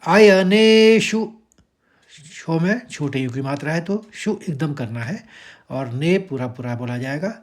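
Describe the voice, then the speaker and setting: A man from India teaching the pronunciation of a Sanskrit verse step by step, with a patient, explaining manner and slow chanting of the lines. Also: mid-range voice, expressive, darkish tone. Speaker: Gita recitation teacher.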